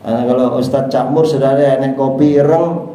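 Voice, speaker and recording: An older preacher from East Java, with an East Javanese accent, gives a joking dawn religious talk in a prayer room, teasing the congregation. His voice is medium-pitched, warm and steady, at a moderate pace. The audio is poor, with heavy reverb and him far from the mic.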